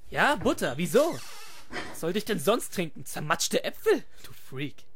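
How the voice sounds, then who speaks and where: A woman's voice: on the low side, big pitch swings, unhurried, a little hiss or hum. A woman voicing a whiny, lazy, rude man in a comedy dub parody, who is bossy and petulant.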